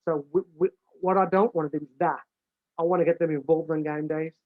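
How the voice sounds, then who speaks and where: A British American football coach with a big voice on the high side talks fairly quickly with fairly even intonation and no echo. Plain-spoken and casual in his explanation, he restarts and repeats words often. The sound is dry and thin, like a phone line.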